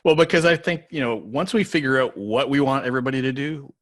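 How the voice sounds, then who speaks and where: A man co-hosting a podcast in casual chat, thoughtful, his sentences trailing off softly. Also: mid-range voice, fast, no room sound, clean studio sound. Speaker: podcast co-host.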